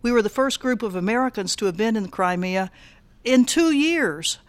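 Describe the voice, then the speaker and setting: An older woman and peace activist answering interview questions casually, pausing often with fillers and restarts. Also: on the high side, expressive, dry recording. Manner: halting, many fillers and restarts.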